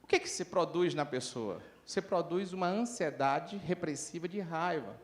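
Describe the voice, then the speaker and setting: A middle-aged man giving a lively conference talk, telling stories and acting out the people in them. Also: a little high, normal speed. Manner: lively, acts out dialogue in different voices. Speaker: lecturer at a conference.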